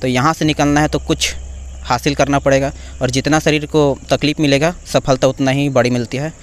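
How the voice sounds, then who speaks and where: A man's voice: mid-range voice, fairly even intonation, brisk. A man from Chhattisgarh, a railway employee, answering interview questions in an earnest, reflective way. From Chhattisgarh, India.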